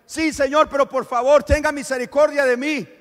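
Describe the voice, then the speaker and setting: A man voicing a desperate woman who begs and cries out for help, with shrill pleading cries. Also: steady tone, normal speed, fairly bright tone, big-room sound.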